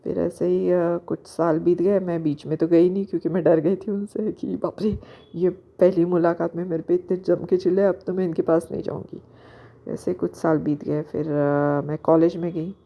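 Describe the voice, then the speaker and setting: Low gravelly woman, hesitant storytelling. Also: steady tone. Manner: hesitant, pausing with fillers. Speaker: spiritual vlogger. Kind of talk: personal storytelling. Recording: dull lo-fi recording.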